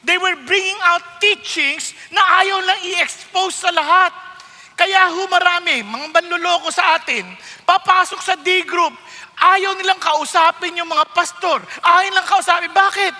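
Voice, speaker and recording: High bright Filipino-accented male preacher. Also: fairly even intonation, measured pace. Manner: emphatic, switches between English and Tagalog, rhetorical questions to the congregation. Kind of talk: sermon. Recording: long reverb of a large hall.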